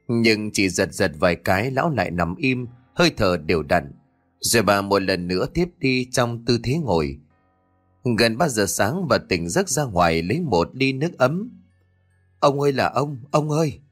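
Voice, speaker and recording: A man narrating a horror story in a dramatic, expressive manner. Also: fairly low pitch. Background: faint music.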